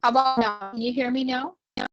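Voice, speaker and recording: A woman with a fairly high voice speaks haltingly on a video call. Her audio warbles and turns robotic. The sound is muffled and dry, as if it comes through a weak phone connection. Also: steady tone, no echo, soft background music. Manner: soft and halting, checking whether she can be heard. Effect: wobbly, warbling robotic call audio. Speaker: host of an online women's goddess circle.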